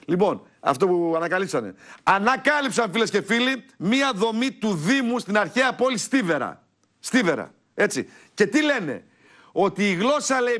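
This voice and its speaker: A man hosting his own TV show, heatedly ranting and shouting at viewers, then pitching products to buy. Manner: angry, shouting, insulting. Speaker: TV show host. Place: TV studio.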